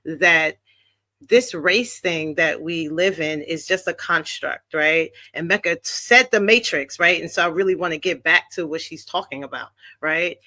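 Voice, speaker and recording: Bright-voiced woman. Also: sits low, measured pace, no echo. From Queens, New York. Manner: emphatic, punctuates points with "right?" and "okay?". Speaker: guest speaker. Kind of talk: impassioned panel talk.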